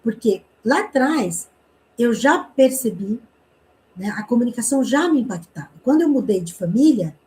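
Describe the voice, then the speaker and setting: A Brazilian woman from Paraná teaching an online communication class, telling a personal story in a chatty way, with frequent tag questions and quick snatches of reenacted dialogue. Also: a little high, lively intonation, a little mellow, rough recording. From Brazil, interior of Paraná.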